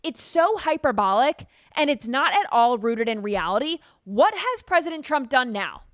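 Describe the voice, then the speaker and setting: A woman's voice: high voice, big pitch swings, moderate pace, no room sound, studio quality. A woman hosting a commentary show, talking in a dismissive, emphatic way. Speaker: show host. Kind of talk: opinionated commentary.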